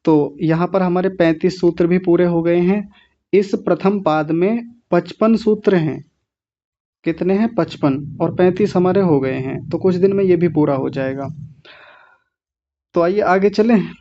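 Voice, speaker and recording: A man teaching Sanskrit pronunciation in an online class, correcting syllable by syllable and clearing his throat often. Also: high-pitched, lo-fi sound. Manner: slow, deliberate syllable-by-syllable correction.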